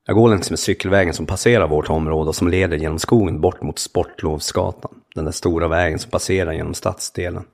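Deep gravelly man reading his memoir. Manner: calm, measured storytelling in short sentences. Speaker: memoir narrator. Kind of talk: first-person memoir reading.

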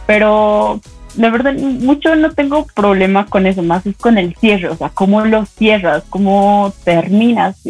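A woman's voice: mid-range voice, measured pace, a little mellow, faint music behind, poor audio. A woman from the audience asking the speaker a question, hesitant and full of fillers.

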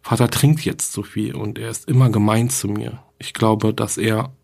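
Guy reading as a scared little girl writing her diary to her dead mom, low gravelly husky voice, quiet plain creepy story read. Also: steady tone, normal speed. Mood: fearful.

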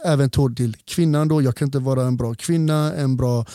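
A man's voice: medium pitch, warm tone, no room sound, studio quality. A man who is a doctor, explaining health topics in a casual podcast conversation and laying out his points one by one. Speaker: doctor guest.

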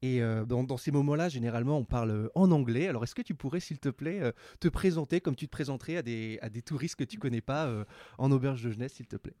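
A man's voice: medium pitch, fast talker, hardly any pauses, warm tone, dry recording. A man hosting a podcast interview in a studio, playful and fond of puns. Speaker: podcast host. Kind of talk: casual chat interview. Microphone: studio microphone.

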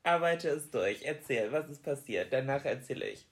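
A man co-hosting a casual chat podcast, talking in a brisk, chatty way and teasing his partner. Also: medium pitch, animated. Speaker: podcast co-host.

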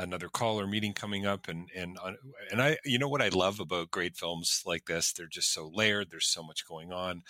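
A man's voice: low voice, bright, forceful tone, dry recording. A man hosting an interview, chatty, with frequent stumbling restarts as he wraps up. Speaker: interview host. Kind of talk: casual interview chat.

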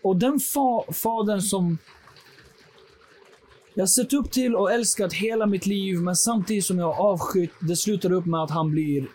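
A man, a podcast guest, telling his personal life story in an earnest, animated way, with frequent fillers. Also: high voice, slight background noise.

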